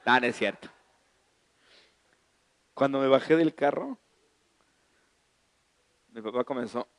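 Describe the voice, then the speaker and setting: A middle-aged Mexican man, a pastor, telling a humorous personal story in a colloquial, animated sermon. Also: mid-range voice, slow, vocal fry, dry recording.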